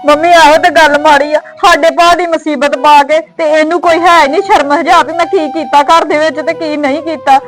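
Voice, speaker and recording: A woman's voice: sits high, fairly even intonation, a little fast, few pauses, fairly bright tone, rough recording. A woman playing an upset Punjabi mother. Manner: upset, complaining and scolding. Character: worried mother defending her son. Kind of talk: family drama acting.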